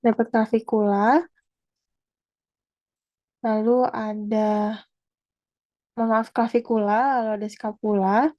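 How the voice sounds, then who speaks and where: A young woman student presenting an anatomy lesson, talking in a halting way with fillers and self-corrections. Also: a little high, flat delivery, dull audio.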